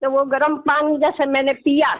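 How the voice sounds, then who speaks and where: A middle-aged woman phones in as a religious devotee for a casual conversation, complaining and ending phrases with little tag questions. Her voice sits high, but her delivery is flat and at normal speed. The call sounds tinny and narrow.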